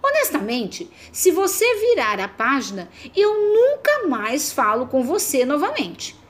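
A woman's voice: wildly swooping pitch, unhurried, heavily acted. Woman doing a frantic, begging storybook voice. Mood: pleading. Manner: frantic, melodramatic pleading with wild pitch leaps. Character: desperate pleading storybook voice, male, begging reader.

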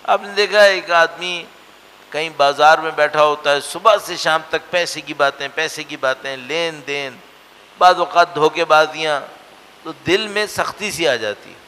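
A man giving a religious lecture, earnest, asking rhetorical questions and swinging between emphatic and hushed lines. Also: a little high, moderate pace. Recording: long hall reverb.

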